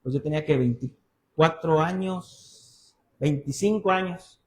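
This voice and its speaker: Animated high-voiced Mexican preacher. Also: male voice, unhurried. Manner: animated storytelling, acting out quoted voices. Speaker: pastor. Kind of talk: expository sermon. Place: church.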